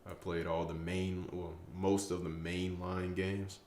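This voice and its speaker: A man's voice: low-pitched, little pitch movement, unhurried, darkish tone, echoey room, slight background noise. A tired young man chatting casually on a late-night stream, rambling and stumbling over his words, with self-mocking trash talk. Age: young adult. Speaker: streamer answering chat.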